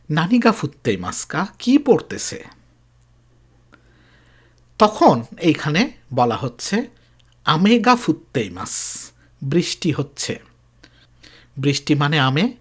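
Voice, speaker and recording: Lively language teacher. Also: medium pitch. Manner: patient, repeats each phrase slowly with emphasis. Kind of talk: explanatory language lesson.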